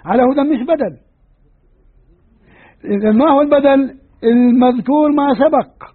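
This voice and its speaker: A male religious teacher delivers a patient grammar lecture, posing questions to his students as he explains. His voice is very high-pitched with a breathy edge, captured in a tinny, lo-fi, phone-like recording.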